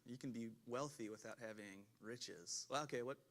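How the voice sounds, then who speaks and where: A man leading a relaxed Bible discussion as pastor, chatty, laughing and breaking off mid-sentence. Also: medium pitch, moderate pace. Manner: chatty, self-interrupting, laughs often. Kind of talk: conversational Bible study talk.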